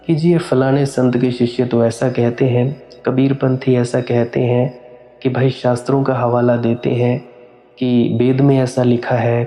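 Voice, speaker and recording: Male spiritual teacher, earnest and repetitive, very warm dark tone, roomy echo. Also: medium pitch. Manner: earnest, repeats phrases rhythmically, addresses listeners directly. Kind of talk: satsang discourse.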